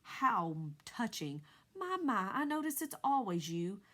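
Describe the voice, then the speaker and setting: A woman's voice: mid-range voice, sing-song, slow pace, bright, forceful tone, exaggerated voice. Lazy, sarcastic male rat played by a woman, sneering and whiny, storybook. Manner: sneering and mocking. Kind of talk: storybook read-aloud.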